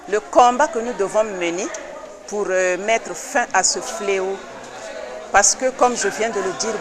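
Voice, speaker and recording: A woman from the Republic of the Congo, president of an association, answering interview questions earnestly and insistently, with hesitant pauses. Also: medium pitch.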